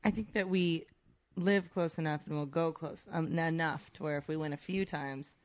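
A woman on a podcast with a fairly low voice, recorded dry and close. She banters in a lively, joking way. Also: normal speed, dry recording. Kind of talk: casual chat.

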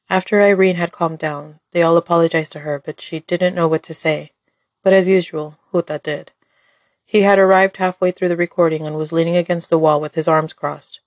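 Low-pitched woman narrating a story. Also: darkish tone, no room sound.

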